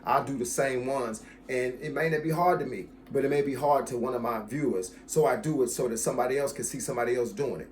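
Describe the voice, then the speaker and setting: This fifty-something fitness coach talks fast with few pauses, his voice medium in pitch. Addressing viewers casually about his channel, he emphatically repeats key phrases to make his points stick.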